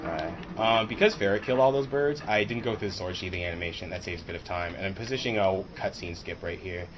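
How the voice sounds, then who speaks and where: A man giving relaxed, casual commentary on his live speedrun at a marathon event, laughing often as he explains tricks. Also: low-pitched, fast talker, over music, poor audio.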